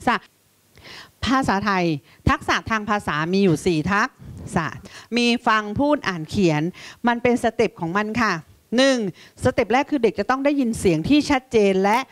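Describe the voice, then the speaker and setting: A woman teacher giving a lively, chatty training lecture who keeps asking her audience questions. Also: fairly high pitch, moderate pace, no room sound.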